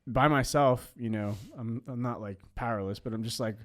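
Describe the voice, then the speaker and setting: A man's voice: medium pitch, normal speed. A man in his late twenties in a casual podcast chat. He rambles, full of "like" and restarts. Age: 20s.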